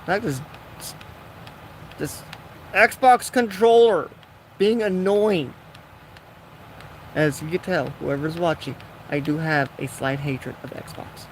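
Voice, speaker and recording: A man's voice: a little high, slow pace, pauses often, slight background noise. Young man rambling over gameplay. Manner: rambling, talks to himself and the game. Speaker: gaming vlogger. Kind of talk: casual gameplay commentary.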